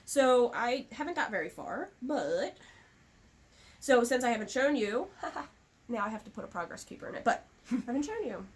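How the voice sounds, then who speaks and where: Brief: upbeat, rambling woman co-host, husky, fairly high voice, casual chat, occasional cough. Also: big pitch swings, moderate pace. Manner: chatty, enthusiastic, rambling. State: coughing now and then. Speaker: podcast co-host.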